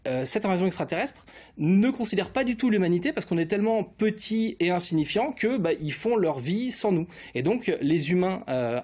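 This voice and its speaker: A man's voice: fairly high pitch, darkish tone. A man who works as a comics columnist on a show, reviewing a book in casual chat, hesitant, with many fillers and jokes.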